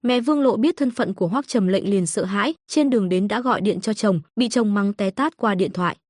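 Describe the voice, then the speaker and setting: A woman narrating a comic story in an even, steady reading. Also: medium pitch, brisk, no echo, clean studio sound.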